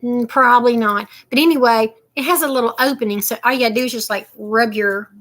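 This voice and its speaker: A woman's voice: on the high side, fast, a bit bright. Chatty older woman. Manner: chatty, rambling, homey. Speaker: crafting vlogger. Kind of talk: casual unboxing chat to viewers.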